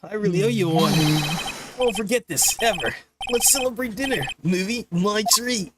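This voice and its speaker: A man's voice: high voice, normal speed, close to an everyday voice. A man voicing a flustered young male defense lawyer with a sarcastic edge, in a parody fan dub. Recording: noisy home recording.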